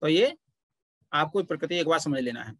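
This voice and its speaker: A man teaching a Pali grammar class, explaining patiently and pausing often to point things out. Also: on the high side, lively intonation, a bit bright, no room sound. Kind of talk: online grammar lesson.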